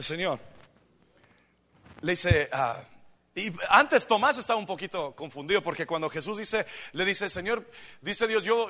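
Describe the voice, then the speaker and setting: A male pastor preaching a sermon, moving from quiet storytelling to shouted emphasis. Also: sits high, in a large hall. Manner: animated preaching, swings from soft storytelling to shouting. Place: church.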